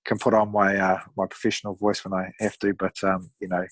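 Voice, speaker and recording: A man in his thirties with a broad New Zealand accent, chatting casually as a podcast guest in a laid-back, matey, rough-around-the-edges way. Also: low-pitched, flat delivery, a little fast, no echo. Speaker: podcast guest, amateur endurance athlete. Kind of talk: casual conversational storytelling.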